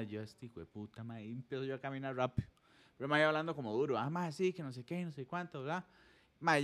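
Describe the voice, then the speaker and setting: A Costa Rican man in a relaxed podcast chat, spinning a story in thick local slang. He jumps into the voices of the people he describes, with a mid-range pitch that fits an everyday man's voice. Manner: slangy, acts out voices in his anecdote.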